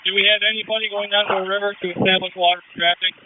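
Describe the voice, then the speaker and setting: A man with a high-pitched voice speaks firefighter radio traffic. The two-way radio makes him sound thin and narrow-band. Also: little pitch movement, racing.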